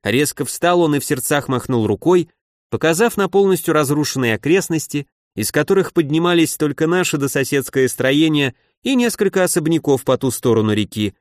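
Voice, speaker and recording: A man's voice: on the high side, animated, a little fast, dry recording, studio quality. A man giving a wry, conversational first-person audiobook narration.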